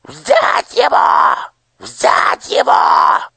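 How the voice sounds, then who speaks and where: A man voicing a cruel, shrill male minister who screeches and spits with rage in a storybook reading. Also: expressive, measured pace, gravelly, exaggerated voice. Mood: shrieking rage. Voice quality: squeaky, piercing, screeching. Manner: shouting, spitting with rage.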